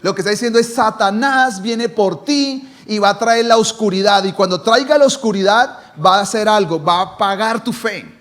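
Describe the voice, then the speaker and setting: A man who is a pastor, preaching a sermon. He asks rhetorical questions and moves between strong emphasis and a low, hushed tone. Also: normal speed, few pauses.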